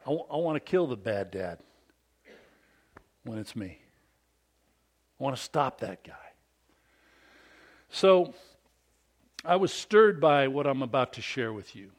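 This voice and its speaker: A pastor in his fifties preaches a sermon to fathers, his big, animated delivery drawing amens from the congregation. His voice is medium in pitch, and he speaks slowly with frequent pauses.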